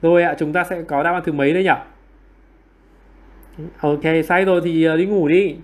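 A man with a fairly high voice runs a livestream English quiz from his home computer. He keeps prodding the class for answers, and he shrugs off his own slip-ups with quick, self-mocking apologies. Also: fairly even intonation. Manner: coaxing, repeatedly prodding students for answers. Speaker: online English teacher.

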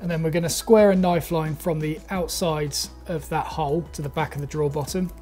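A man's voice: on the high side, fairly even intonation, fairly quick, darkish tone. Young man, woodworking teacher, upbeat step-by-step explaining, workshop, light music underneath. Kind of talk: instructional talk.

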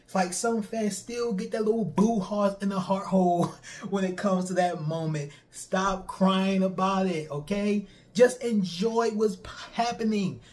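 Animated young male wrestling streamer. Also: high voice, measured pace. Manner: animated, repetitive, talks straight to viewers. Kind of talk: casual streamed commentary to chat.

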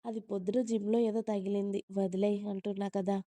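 A woman voicing a teasing, bossy young husband who scolds with care, in a gruff tone. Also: mid-range voice, flat delivery, fast, dark tone, dry recording, lightly acted.

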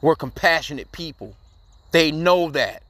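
A man's voice: a little high, expressive, a little slow, fairly bright tone, no room sound. A man giving heated, profane, rambling commentary, tagging his sentences with "man", in casual talk to his viewers. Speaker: commentary channel host.

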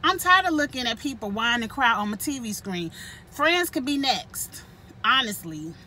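A woman vlogger with a bright, forceful voice that sits a little high, talking straight to her viewers. She is blunt and cusses freely, laughing now and then as she runs through her casual commentary. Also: sing-song, normal speed, a little hiss or hum. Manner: blunt, profane and outspoken, with frequent laughs. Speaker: channel host reviewing a reality show.

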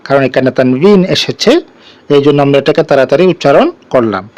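A man's voice: medium pitch, expressive, fast, a little mellow, no room sound, lo-fi sound. A man teaching Quran reading, spelling out Arabic syllables one by one and drawing out each blended word in a patient chant. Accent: Bangladeshi Bengali.

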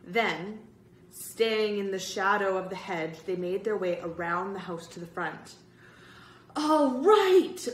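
A woman's voice: on the low side, a bit bright, echoey room, low-quality recording. A woman reading a chapter book aloud to children at story time, voicing each character expressively. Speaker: storytime reader.

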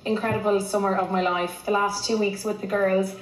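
A woman's voice: mid-range voice, flat delivery, brisk, a little hiss or hum. Young west of Ireland woman, echoey stage. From County Mayo, Ireland. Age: young adult. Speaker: contestant being interviewed, musician. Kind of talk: live stage interview chat. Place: large indoor televised stage. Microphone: clip-on lapel mic. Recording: echoey large stage venue.

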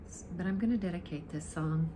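A woman's voice: on the low side, fairly quick. An older woman with a dry throat chats casually to the camera in a rambling, reminiscing way, as an amateur guitarist. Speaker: amateur guitarist introducing a song. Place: living room, indoors, on a sofa. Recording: clearly noisy home recording.

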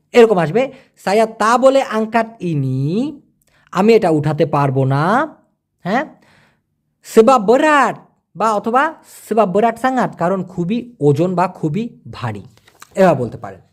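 Man, casual language lesson, animated pitch, repeats and quizzes. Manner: chatty, repeats words and asks the listener questions. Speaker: language teacher.

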